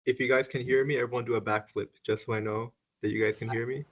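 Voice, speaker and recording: Relaxed man from Finland on a call. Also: medium pitch, fast. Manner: relaxed, joking. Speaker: keynote speaker. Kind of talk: introducing himself. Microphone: video call. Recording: dull lo-fi call audio.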